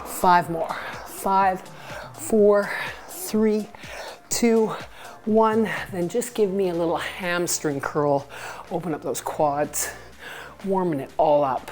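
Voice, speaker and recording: Female fitness coach, lower register, slow measured delivery, encouraging short cues and countdowns, music underneath. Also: darkish tone. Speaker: fitness instructor. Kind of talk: instructing an exercise class, counting down reps. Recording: music behind the voice.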